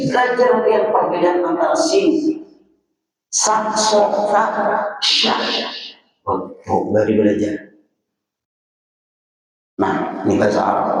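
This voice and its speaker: A religious teacher with a Banjarese accent gives a dawn study talk to a congregation, firing rhetorical questions at his listeners. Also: high voice. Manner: fires rhetorical questions at the audience. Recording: echoey hall, distant mic.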